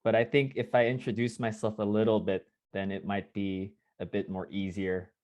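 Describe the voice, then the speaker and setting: A man born in Korea, interviewing a guest over a video call in a measured, conversational way. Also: lowish voice, little pitch movement, a little mellow. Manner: measured, self-correcting, conversational.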